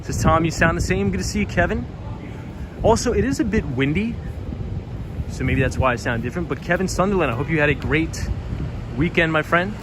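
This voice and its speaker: At night on a windy city street, a man hosts an outdoor live stream, chatting casually as he walks and reading viewer comments aloud in a friendly way. His voice is fairly high and animated, a little fast, with long pauses, and sounds slightly tired. Music comes through clearly behind him on the street stream.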